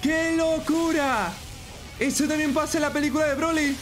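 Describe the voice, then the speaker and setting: A man with a Spain Spanish accent giving excited reaction commentary as a streamer, full of exclamations and outbursts. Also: very high voice, normal speed, faint music behind. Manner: excitable, frequent exclamations and shouts. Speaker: streamer reacting to a fan animation.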